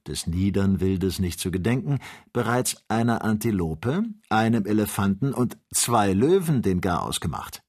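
A man reading a calm, cautious doctor. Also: sits low, breathy edge, full character voice. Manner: measured and instructive. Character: calm, careful male doctor leading the expedition.

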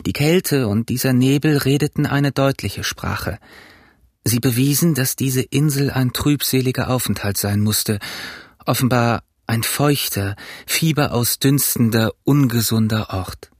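Husky man narrating a story. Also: mid-range voice, dry recording, clean studio sound. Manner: measured storytelling, first person. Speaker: audiobook narrator. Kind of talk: scripted narration.

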